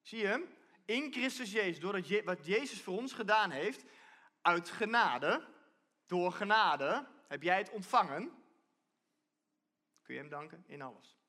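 Guy preaching in church, kinda high bright voice, chatty, keeps restarting his sentences. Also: lively intonation, normal speed, long pauses. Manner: conversational, repeats and restarts while explaining. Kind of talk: sermon. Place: church stage.

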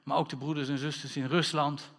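A man's voice: on the high side, fairly quick. A man preaching a sermon as pastor, playful with wordplay and calling for amens from the congregation. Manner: lively, playful wordplay, calls for amen. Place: church hall. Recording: reverberant church hall.

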